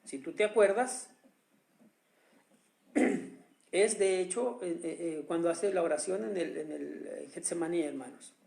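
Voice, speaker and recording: A preacher in full sermon mode who leans hard on key words and keeps turning to the congregation as brothers. The delivery is slow and unhurried. The voice rings out in a roomy church hall with a clear echo. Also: medium pitch, darkish tone. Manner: emphatic, repeatedly addresses listeners as brothers; drawn-out stresses on key words.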